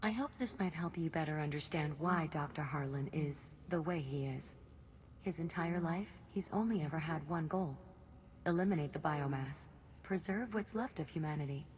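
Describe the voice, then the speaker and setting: Low-voiced, precise female facility aide played by an actress. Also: darkish tone, slight background noise, close to an everyday voice. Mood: grave, measured. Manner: measured, formal, exact. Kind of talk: video game voice acting.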